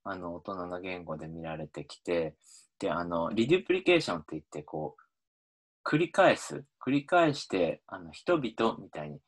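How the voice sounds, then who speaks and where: Deep-voiced man explaining with many fillers. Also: normal speed, husky. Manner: hesitant, many fillers and restarts; animated, pitch swinging up and down. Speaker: linguistics lecturer. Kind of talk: explaining phonology over slides.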